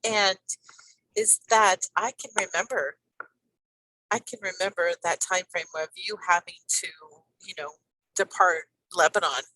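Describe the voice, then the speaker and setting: A woman in her fifties hosts a podcast interview, chatting with her guest enthusiastically and rambling with lots of fillers. Her voice is lowish, unhurried and sharp-toned, and the audio is poor.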